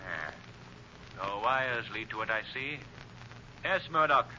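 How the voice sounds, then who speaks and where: An actor playing a sinister, unflappable invisible vigilante in a 1930s radio drama, with theatrical, ominous delivery. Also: male voice, medium pitch, lively intonation, slow, sharp tone, full character voice. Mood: grim. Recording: muffled, noisy 1930s radio recording.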